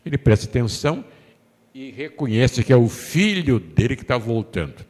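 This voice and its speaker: Brazilian male pastor, storytelling sermon, average pitch, long church reverb. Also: big pitch swings, normal speed, a little mellow. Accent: Brazilian Portuguese. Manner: storytelling, voicing the characters' words, asks the congregation questions. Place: church sanctuary.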